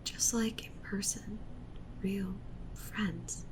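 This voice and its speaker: Playing a possessive, clingy yandere witch streamer for an ASMR roleplay, this woman pleads closely with the listener and frequently slips into breathy whispers. Her pitch is medium and her tone steady, she draws out her words, and the recording is low quality. She comes across as insistent and pleading.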